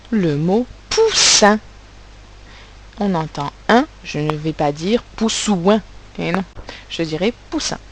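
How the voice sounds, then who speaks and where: A woman teacher giving a recorded phonics lesson to children, articulating sounds and syllables slowly and with care. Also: medium pitch, darkish tone, a little hiss or hum, rough recording. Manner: slow, carefully articulated, stressing sounds and syllables. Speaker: primary school teacher.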